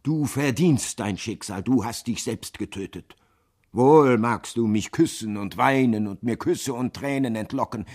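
A man's voice: medium pitch, unhurried, natural voice. A man reading aloud and voicing an anguished, bitter man who accuses and pleads by turns. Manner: impassioned, swinging between hushed and loud.

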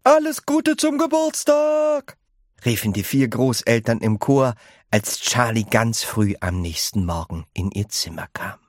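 A man reading a children's story aloud in expressive narration. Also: lowish voice, a little slow, no room sound, clean studio sound. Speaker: audiobook reader.

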